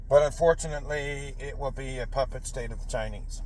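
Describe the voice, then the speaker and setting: A man's voice: medium pitch, slight background noise, rough recording. A man giving a rambling political monologue, often stopping to correct himself. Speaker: political commentator.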